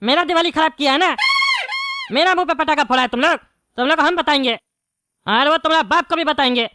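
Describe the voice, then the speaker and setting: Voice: high voice, fast talker, noisy background, natural voice. A voice actor playing a bald, hot-tempered male politician in a cartoon, given to angry, threatening rants. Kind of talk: cartoon voice acting.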